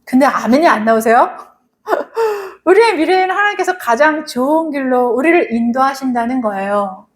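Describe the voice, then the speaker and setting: A woman pastor delivers a Sunday sermon in a high voice. She speaks earnestly to the congregation, repeating her exhortations and asking them directly to respond. She also leads them in prayer. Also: expressive, moderate pace.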